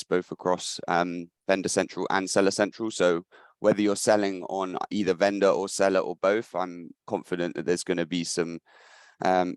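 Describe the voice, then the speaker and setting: A man's voice: sits low, clean tone, dry recording, studio quality. A man presenting a business webinar on a call, his voice slightly scratchy, with frequent ums and restarts. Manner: hesitant, many ums and restarts. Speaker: webinar presenter, agency director.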